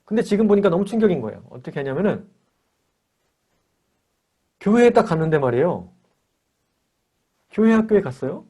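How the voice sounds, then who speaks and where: A man teaching a character-training lesson for children and parents at church, lively and acting out little dialogues with kids, speaking over a video call. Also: high voice, brisk, long pauses.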